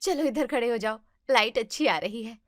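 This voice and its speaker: A woman's voice: on the high side, a bit bright, no room sound, studio quality, lightly acted. A woman playing a young newlywed wife, a vlogger who sulks and teases her husband. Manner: pouting, quick to take offense. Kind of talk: family drama acting.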